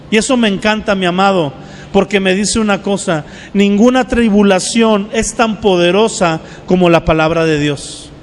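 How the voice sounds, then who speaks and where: A man's voice: sits high, big-room sound. A male pastor preaching a sermon, with call-and-response asides to the congregation.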